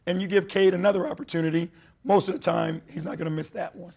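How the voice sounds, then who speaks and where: A man, a coach, calmly explaining his team's offense in an interview. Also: sits high, vocal fry. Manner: measured, explanatory. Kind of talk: interview about team strategy.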